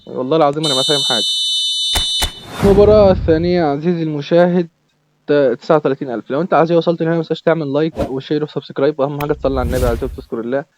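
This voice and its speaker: A young man with an Egyptian accent commentating his own football video game matches, excitable and repeating words in bursts. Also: on the high side, very fast, noisy background. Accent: Egyptian Arabic. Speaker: gaming YouTuber. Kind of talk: live gameplay commentary.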